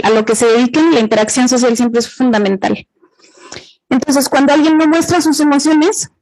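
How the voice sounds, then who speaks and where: A Mexican woman with a high voice gives an interactive talk to students. She explains carefully, asks the room questions and repeats their answers back to them. She sounds middle-aged. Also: darkish tone, rough recording. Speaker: university gender violence workshop speaker.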